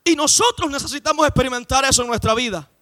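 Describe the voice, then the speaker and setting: A man preaching in a church service with a strikingly high-pitched voice. His tone is bright and ringing, and he delivers his sermon with passion, often rising into shouts and a sing-song cadence. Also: fast, faint music behind. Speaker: pastor.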